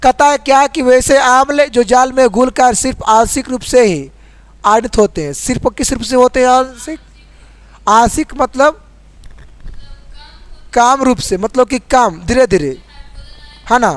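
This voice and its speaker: A man with a very high speaking voice leads a chemistry class. He asks questions again and again and answers them himself, spelling formulas out slowly letter by letter. The sound is dry and close, with no room echo. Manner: repeats questions and drills answers. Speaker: teacher.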